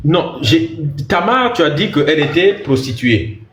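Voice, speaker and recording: A man's voice: fairly high pitch, very animated, a little slow, a bit bright, reverberant, a little hiss or hum. A man hosting a heated debate, challenging and pressing his opponent with questions. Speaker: debate host.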